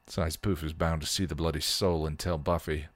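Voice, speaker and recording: A man reading fan fiction voices a sardonic, grieving male punk vampire who is sarcastic, world-weary and full of slang. His voice is very low, dry and close, steady in tone and a little fast, with no echo.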